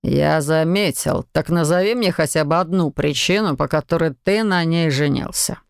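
Brief: reader doing an arrogant male shadow mage, slow and sneering, slightly lower, smooth dry sound. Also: dry recording. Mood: mocking. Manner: sneering, condescending, unhurried. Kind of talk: audiobook character reading.

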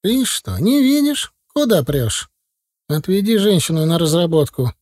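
A stern older doorkeeper woman barks orders in a high, shrill storybook voice, as a male narrator puts her on. Her tone stays dark and husky underneath, and she scolds everyone who comes near. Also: expressive, moderate pace. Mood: bossy. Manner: scolding, bossy. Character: stern loud older female university doorkeeper.

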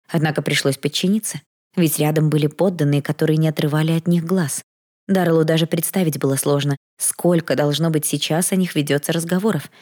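Low-voiced woman reading an audiobook. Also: darkish tone. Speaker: audiobook narrator. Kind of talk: scripted narration.

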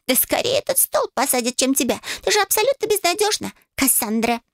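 A woman's voice: sits high, big pitch swings, a little fast, no room sound, pitched above the performer's own voice. A woman voicing a sarcastic female owl familiar in an audiobook, mocking and indignant.

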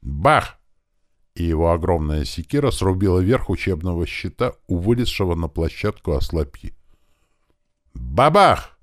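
A man reading an adventure audiobook aloud in an expressive style, acting out the shouts of the characters. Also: low voice, a little fast, hardly any pauses, no room sound, studio quality. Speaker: audiobook narrator. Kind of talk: scripted narration.

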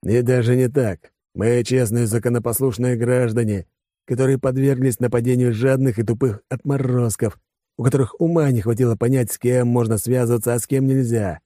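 A man's voice: medium pitch, steady tone, brisk, dark tone, dry recording, clean studio sound, voice pushed up, lightly acted. Man doing a cocky, crude ninja deputy. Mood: mocking. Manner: brash, swaggering, crude.

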